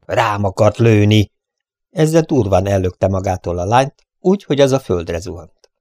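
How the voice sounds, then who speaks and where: A man narrating an adventure story in a steady, measured reading voice. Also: low voice, dry recording, clean studio sound. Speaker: audiobook reader.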